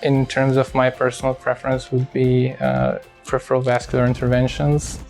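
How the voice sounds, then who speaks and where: A man from Syria, a cardiologist speaking in a hospital profile interview, measured and halting with many fillers. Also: medium pitch, monotone, a little mellow, faint music behind.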